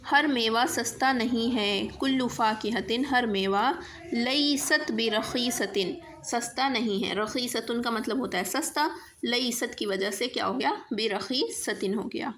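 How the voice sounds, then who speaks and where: Female Arabic teacher, highish voice, measured over phrases, brisk in explanations. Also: a bit bright, a little hiss or hum. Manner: slow and deliberate on Arabic phrases, quick on explanations. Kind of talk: classroom lesson explaining grammar exercises.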